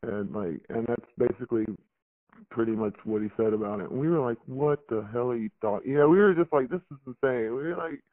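A man, recalling a past event in a rambling, halting way full of fillers and restarts. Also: medium pitch, no echo. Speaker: interviewee recounting a past event. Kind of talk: casual recollection on a phone interview. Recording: tinny phone line, dry.

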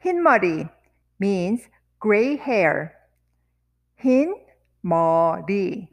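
A woman teaching vocabulary, saying each word slowly and deliberately, repeating words and sentences one piece at a time. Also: a little high. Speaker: language teacher. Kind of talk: vocabulary lesson with repetition.

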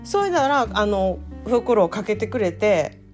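A Japanese woman with a Kansai accent hosts a casual solo podcast, telling self-deprecating stories in a chatty, animated way. Her voice is mid-range and she takes it slowly, with soft music in the background.

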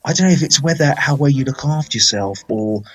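A man's voice: medium pitch, expressive, quick pace, poor audio. A man, hosting a casual film podcast and talking in a rambling, chatty way full of fillers. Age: 40s. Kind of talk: casual film chat, live-streamed.

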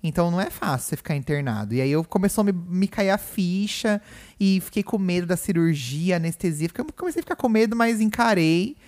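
Homem brasileiro contando história emocionado. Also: male voice, high voice, expressive, fast, a little mellow. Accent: Brazilian Portuguese. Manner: chatty, emotional storytelling full of "né" and "gente". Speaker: podcast co-host. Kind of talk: casual podcast chat. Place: hospital room.

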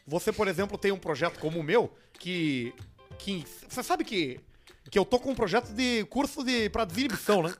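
A man's voice: high voice, lively intonation, a little fast, soft background music. A man voicing a smug, pompous self-styled entrepreneur in an improvised comedy bit. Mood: smug lecturing.

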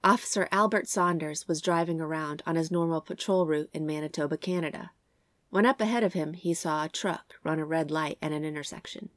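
A woman with a croaky voice stuffed up by a cold, hosting and reading scripted true crime narration. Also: low voice, brisk, no echo, studio quality. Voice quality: croaky, congested. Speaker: podcast host and narrator.

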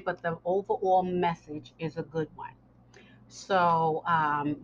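A woman host giving an informal spoken announcement to her listeners. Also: on the low side. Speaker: host introducing guest lessons. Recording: muffled, dull lo-fi sound.

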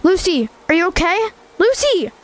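A woman's voice: high-pitched, expressive, measured pace, noisy background. A woman doing a concerned young boy. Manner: earnest, concerned. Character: young boy, protective older brother.

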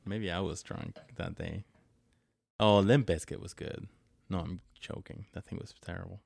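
Lively, laughing male podcast co-host. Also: sits low, measured pace, gravelly, long pauses, no echo, clean studio sound. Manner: laughs often, jokey and rambling. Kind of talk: casual chat.

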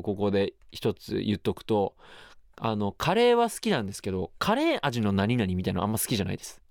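A man's voice: lowish voice, dry recording, clean studio sound. A man hosting his own radio show, chatting casually and musing aloud in a rambling way. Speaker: radio host. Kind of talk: casual solo radio talk.

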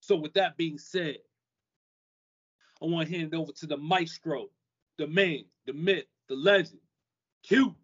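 A man's voice: on the high side, moderate pace, long pauses, fairly bright tone, slightly rough. A man co-hosting a casual podcast as an emphatic hype man who repeats phrases, on a dull microphone. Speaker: podcast co-host.

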